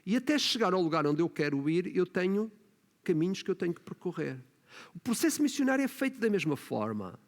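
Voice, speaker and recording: Very animated and brisk, a high-voiced pastor with a European Portuguese accent preaches in a church hall, rising to emphatic points and peppering his speech with tag questions. Long reverb fills the recording.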